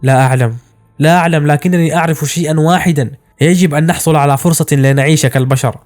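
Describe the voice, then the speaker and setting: A gentle young musician, earnest and soft-spoken, talking at a brisk clip, as a male narrator puts him on. He sounds like a bullied but hopeful boy in an anime story recap. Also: on the high side, fairly even intonation, lightly acted. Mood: earnest, frustrated.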